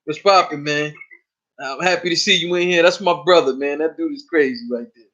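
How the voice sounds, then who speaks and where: A man's voice: a little high, a little fast, pushed and bright. A man hosting a casual live stream, talking loosely and profanely, often repeating himself. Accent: New York. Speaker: host. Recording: dull lo-fi stream audio.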